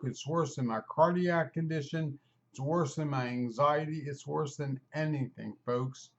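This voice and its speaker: A man in his fifties talking candidly and at length into the camera, rambling at a quick clip. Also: mid-range voice, highs cut off. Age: 50s. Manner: candid, rambling, talks fast on purpose. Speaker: vlogger. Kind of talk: personal video talk.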